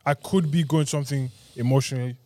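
A man's voice: medium pitch, fairly even intonation, quick pace, warm tone. A young man making his case earnestly in a casual group debate. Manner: earnest, reasoning.

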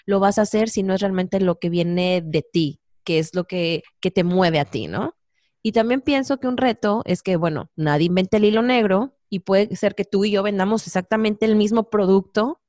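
A woman's voice: mid-range voice, darkish tone, dry recording. A woman hosting a casual chat, speaking in a reflective, encouraging way. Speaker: host.

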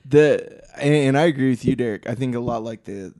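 A man's voice: mid-range voice, fairly quick, mellow, no echo. A man chatting casually about films as a panelist, often hesitating as he searches for the right words. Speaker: podcast panelist. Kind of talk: casual film discussion.

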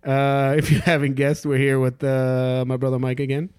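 Podcast host, man, smooth clear voice, dry close mic, easygoing with frequent laughs. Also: medium pitch, completely flat delivery, moderate pace, darkish tone, dry recording. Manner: laughs often, many fillers. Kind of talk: casual chat.

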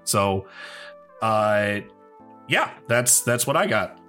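A man's voice: fairly low pitch, animated, takes it slowly, sharp tone, faint music behind. A man co-hosting a podcast, telling a rambling casual story with lots of fillers and swearing. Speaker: podcast co-host. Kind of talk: casual chat.

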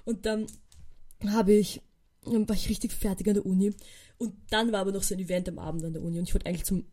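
A young woman, hosting a podcast and telling a story casually, with lively quoted dialogue and many fillers. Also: medium pitch, quick pace. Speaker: podcast host.

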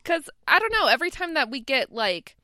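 A woman's voice: high-pitched, sing-song, fairly quick, pushed and bright, dry recording, studio quality. A woman co-hosting a podcast, chatting casually about a TV episode with playful, sarcastic asides and frequent laughter. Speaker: podcast co-host. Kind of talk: casual chat recapping a TV episode.

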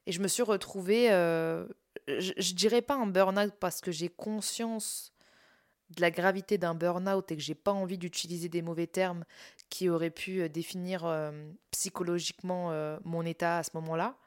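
Candid, tired woman, slightly low voice. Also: fairly even intonation, moderate pace. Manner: candid, self-mocking, laughs through serious points, many fillers and restarts. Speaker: podcast host and content creator. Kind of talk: casual personal podcast monologue.

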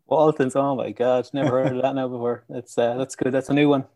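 A man's voice: mid-range voice, flat delivery, fairly quick, warm tone, dry recording, studio quality. An Irish man chatting casually as a podcast guest, upbeat and earnest. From County Clare, Ireland. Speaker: podcast guest, mental health educator. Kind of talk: casual interview chat. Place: room at home, on a remote call.

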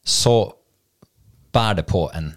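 A man with a very deep voice talks in casual conversation. He speaks slowly and thoughtfully, hesitating often and filling pauses as he recalls things. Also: a bit bright. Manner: slow, hesitant and reflective, many fillers. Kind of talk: casual chat.

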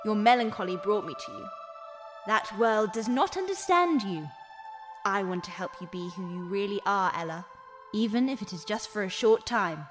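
A kind, gentle fairy godmother from a storybook, as a man puts her on, speaking in a hushed, measured way. Her voice sits a little high and rings with a long reverb. Music plays underneath. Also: lively intonation.

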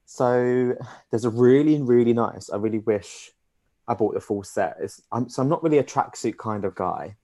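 A man co-hosting a podcast, chatting casually, giggly and animated, laughing often. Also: medium pitch, normal speed. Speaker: podcast co-host. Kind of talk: casual chat.

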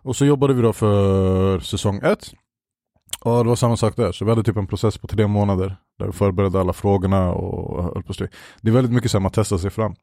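A man's voice: fairly low pitch, fairly even intonation, dark tone, dry recording, clean studio sound. A man chatting casually as a podcast guest about making his TV show. He talks in loose slang and drops English phrases in. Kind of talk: casual chat.

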